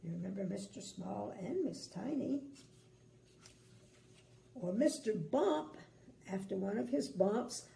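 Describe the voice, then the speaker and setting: A sweet, gentle older woman reads a storybook aloud to small children, unhurried, with little asides, in an echoey room. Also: mid-range voice, animated, vocal fry. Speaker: grandmother reading bedtime stories. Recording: echoey room, faint background noise.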